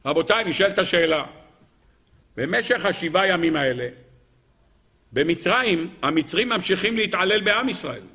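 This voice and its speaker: A man giving an animated Torah lecture to an audience, acting out quoted dialogue and asking rhetorical questions. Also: sits high, pauses often.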